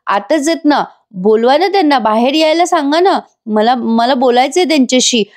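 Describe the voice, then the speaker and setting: A woman voicing a young man who keeps begging to see his wife, insistent and pleading, raising her pitch a little for him. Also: expressive, moderate pace. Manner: pleading, insistent, repeats himself.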